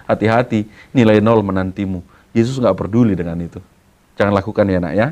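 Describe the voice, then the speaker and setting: A man with an Indonesian accent, a pastor giving a sermon to students and telling stories with a playful, lively manner. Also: lowish voice, brisk. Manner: lively storytelling with acted quotes.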